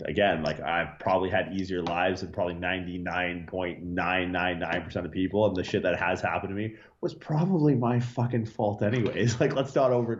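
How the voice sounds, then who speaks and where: A man in his thirties, a podcast guest, talking in a rambling, laid-back way with swearing and fillers. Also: low-pitched. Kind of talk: casual podcast interview. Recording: slightly dull lo-fi sound with faint noise.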